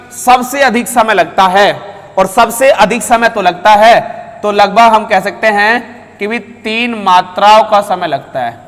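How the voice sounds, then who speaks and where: A man's voice: high voice, a bit bright, in a large hall. A man teaching a Hindi grammar lesson, who asks his students questions and answers them himself, repeating each key term. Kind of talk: classroom lecture.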